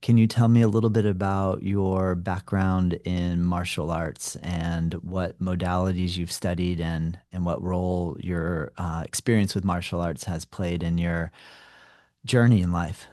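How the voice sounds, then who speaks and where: A man's voice: deep voice, level tone, a little slow, a little mellow, dry recording, clean studio sound. A man hosting an interview podcast, chatting casually with many fillers. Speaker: podcast host.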